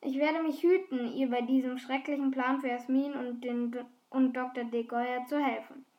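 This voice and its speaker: High-voiced woman reading a story aloud. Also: normal speed, reverberant, highs cut off. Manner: lively, plays the characters' dialogue. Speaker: audiobook narrator. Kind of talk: scripted first-person narration.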